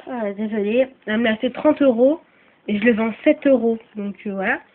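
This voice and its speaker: A woman selling her used items talks casually on her channel despite a cold, coughing now and then. Her slightly high voice rambles with many pauses, apologies, and fillers like "euh" and "voilà." Faint noise sits under the tinny, phone-like sound.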